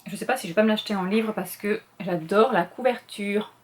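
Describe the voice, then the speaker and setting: A middle-aged booktuber with a medium-pitched voice chats casually through her reading challenge list of books she plans to read. She's a quick talker who admits she speaks too fast, rambling with many fillers and correcting herself as she goes.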